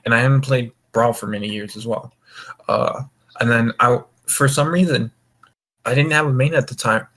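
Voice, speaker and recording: A relaxed young man leads an online gaming call, rambling through casual group chatter and swearing frequently. His voice is medium-pitched and sharp-toned, with fairly even intonation at a normal speed.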